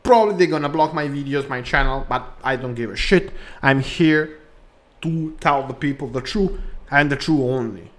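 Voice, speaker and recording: A man's voice: mid-range voice, moderate pace. A man hosting a crypto channel, speaking in broken English in a passionate, preachy vlog rant that repeats points for emphasis. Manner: non-native English grammar.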